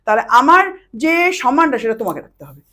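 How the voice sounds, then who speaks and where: A woman with a fairly high, hoarse voice from a long day of talking, recorded on a podcast mic. She explains in a lively, expressive way and swings between a bright, emphatic tone and a slow, hushed murmur. Her delivery stays conversational and earnest throughout. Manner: explains animatedly, drops to a slow soft voice when showing trance speech. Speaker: past life regression practitioner. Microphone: podcast studio mic.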